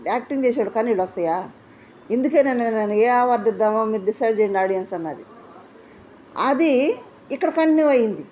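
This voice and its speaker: A woman with a somewhat high voice delivers an opinionated reality show review. She speaks with indignation and throws out one rhetorical question after another. She hammers her points home by repeating them. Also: a little mellow, a little hiss or hum.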